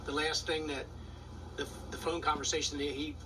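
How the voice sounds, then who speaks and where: A middle-aged man talking casually and haltingly, stumbling over his words. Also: on the high side, little pitch movement. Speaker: family member reacting. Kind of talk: casual chat. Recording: noisy distant mic.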